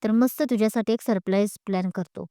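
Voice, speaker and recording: A woman's voice: medium pitch, fairly even intonation, mellow, dry recording, clean studio sound, close to an everyday voice. A woman voicing a caring young man who fires off worried questions and teases, in an audio story read by one narrator. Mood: cheerful. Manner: worried rapid questions, teasing. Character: caring young man, protective elder-brother type.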